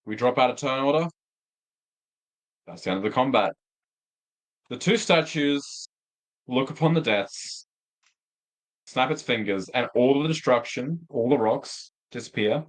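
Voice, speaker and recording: Wry game master with a lively voice. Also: male voice, medium pitch, unhurried, pauses often, poor audio. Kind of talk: narrating a tabletop game.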